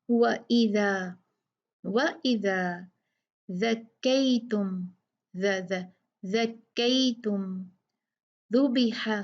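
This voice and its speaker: A woman teaching a tajweed pronunciation lesson, repeating each sound and word slowly for practice. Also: on the high side, darkish tone, highs cut off. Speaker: Quran recitation teacher.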